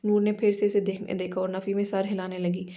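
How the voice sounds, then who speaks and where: Woman reading romance novel aloud, even monotone, warm dark voice. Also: mid-range voice, fairly quick, dull audio. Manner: steady reading with small slips and restarts. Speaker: audio novel narrator.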